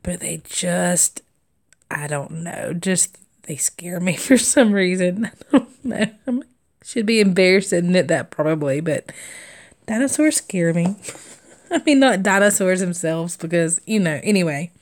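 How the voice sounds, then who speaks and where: Her fairly low voice carries lively intonation at a measured pace as this thirty-something Southerner runs a cross-stitch live stream. She chats easily, laughs frequently, and reads comments from viewers.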